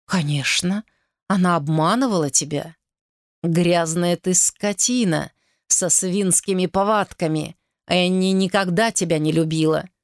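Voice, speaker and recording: A man's voice: high-pitched, steady tone, unhurried, dry recording, clean studio sound. A woman voicing a cruel man who mocks his brother with a sneer, in a storybook reading. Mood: contemptuous. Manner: sneering, taunting.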